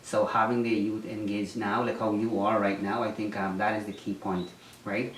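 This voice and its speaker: Hesitant low-voiced man from Guyana. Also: level tone, normal speed. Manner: hesitant, many ums and restarts. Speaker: interviewee, former mayoral candidate. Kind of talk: casual interview answers. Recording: roomy echo, distant mic, faint noise.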